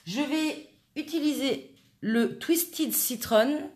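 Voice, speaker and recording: A woman hosts a live craft demonstration, chatting as she works and replying to viewers by name. Her voice sits a little high. The room around her is echoey. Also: slow pace, a little mellow. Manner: chatty, talks while working, answers viewers by name. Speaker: craft tutorial host.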